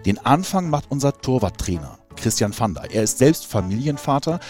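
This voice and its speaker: A man's voice: mid-range voice, big pitch swings, moderate pace, darkish tone, soft background music. A man hosting a club video, reading a scripted announcement evenly. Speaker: club media host.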